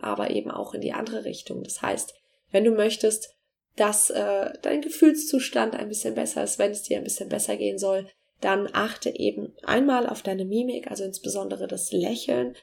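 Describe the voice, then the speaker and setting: A woman giving self-help coaching tips step by step, speaking straight to the listener and often pausing on fillers. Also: mid-range voice, creaky, darkish tone. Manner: explains in steps, addresses the listener directly; filler-heavy, frequent restarts.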